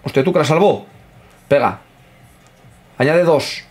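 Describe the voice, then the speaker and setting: A man commentating his own football video game, excitable, swearing freely and talking to his chat. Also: a little high, unhurried, faint music behind. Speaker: gaming streamer. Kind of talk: live gameplay commentary.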